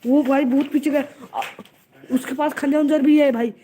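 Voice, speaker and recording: A woman narrating casually and excitedly, repeating urgent warnings over and over. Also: sits high, normal speed, slight background noise. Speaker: vlogger narrating. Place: outdoor home courtyard at night.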